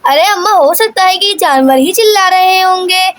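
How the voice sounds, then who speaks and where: A woman voicing a brave young mother in a doll story, talking quickly and urgently with care for her children. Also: very high-pitched, fairly bright tone, pitched above the performer's own voice.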